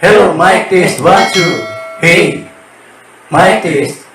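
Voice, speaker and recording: A man calling out loud, drawn-out mic tests through a digital echo and reverb effect. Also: high-pitched, distant mic, slight background noise. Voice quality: loud, drawn-out test calls. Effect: digital echo and reverb from a mixer. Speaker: vlogger demonstrating a mixer. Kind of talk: mic test of mixer effects. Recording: heavy echo with music playing behind.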